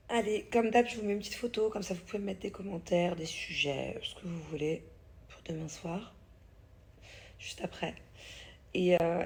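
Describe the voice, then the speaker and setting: A woman's voice: lowish voice, creaky, darkish tone. A woman in her thirties chatting casually to her followers in a vlog, blunt and chatty, swearing and laughing often. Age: 30s. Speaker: vlogger.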